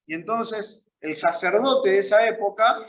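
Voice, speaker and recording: A man's voice: high-pitched, a little slow, a bit bright, roomy sound, muffled recording. A man with an Argentine Spanish accent teaching a church Bible class in a conversational way, often checking in with his listeners. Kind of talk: church Bible study lesson. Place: church meeting room.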